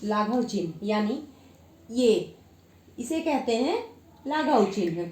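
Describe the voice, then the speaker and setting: A woman teacher explaining a grammar lesson, slowly and with many repetitions. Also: fairly high pitch, expressive, darkish tone, roomy sound, a little hiss or hum.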